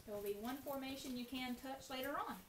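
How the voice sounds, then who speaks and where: A woman's voice: high-pitched, steady tone, fast. A woman, leading a cave tour with chatty explanations. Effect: cave echo. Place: inside a cave. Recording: echoey cave, distant, noisy.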